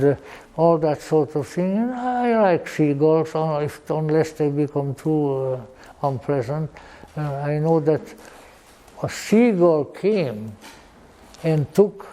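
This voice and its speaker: An elderly man speaks with a Hungarian accent in a mellow voice that sits a little high for a man. He reminisces to listeners slowly and deliberately, often halting. His wording is formal and old-fashioned, with a dry sense of humour. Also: low-quality recording. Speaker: lecturer. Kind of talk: informal rambling reminiscence to an audience.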